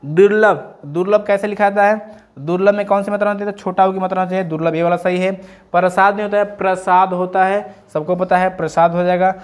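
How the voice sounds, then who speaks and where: A man with a notably high-pitched voice leads an exam-prep grammar lesson. He works through each word step by step, firing rhetorical questions and answering them himself. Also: fairly even intonation, fast. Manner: drills students with repeated rhetorical questions. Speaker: teacher.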